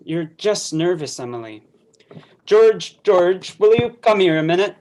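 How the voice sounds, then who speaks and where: A young woman voicing a gentle father who reassures his daughter in a school play reading. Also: fairly low pitch, very animated, fairly quick, slight background noise. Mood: soothing. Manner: soothing, reassuring. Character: gentle middle-aged father calming daughter.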